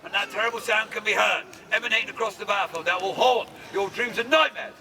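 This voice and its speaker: A man's voice: high-pitched, fast talker, bright, forceful tone. A man with a theatrical, joking manner, leading a live outdoor show as an archery demonstrator and calling out to a crowd. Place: outdoors at a castle among a crowd. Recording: distant voice with crowd and outdoor noise.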